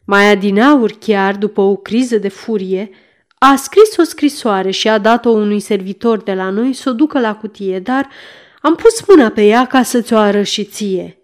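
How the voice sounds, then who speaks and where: A fussy, middle-aged innkeeper's wife confides the news in a chatty, hushed-up rush. A woman voices her in a storybook reading. Her talk is plain and everyday, full of small worries. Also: mid-range voice, lightly acted. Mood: confiding.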